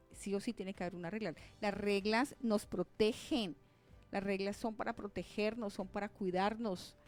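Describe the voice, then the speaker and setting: A woman's voice: medium pitch, darkish tone. A woman psychologist with a Colombian accent giving an explanatory talk on parenting. She checks in with her listeners often and repeats words for stress. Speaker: clinical psychologist. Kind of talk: parenting talk on an online show.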